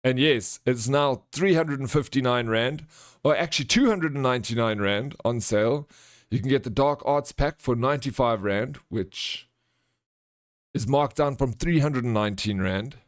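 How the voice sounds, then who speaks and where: Male livestream host, South African accent, average pitch, informal and chummy chat delivery, dry room. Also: normal speed, no room sound. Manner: chummy, informal, calls viewers bro and friend. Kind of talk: casual livestream chat, reading out and answering viewer comments.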